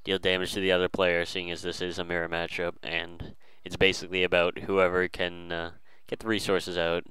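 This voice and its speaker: A man's voice: sits low, monotone, brisk, bright, forceful tone, clear, resonant tone, no echo, poor audio. A man casually commentating a strategy game, hesitant and full of fillers and restarts.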